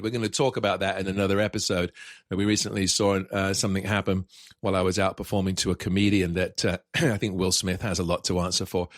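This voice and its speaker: A man's voice: lowish voice, no room sound, low-quality recording. A man hosting a podcast, chatting casually and often repeating his words as he rambles. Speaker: podcast host. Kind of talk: casual interview chat.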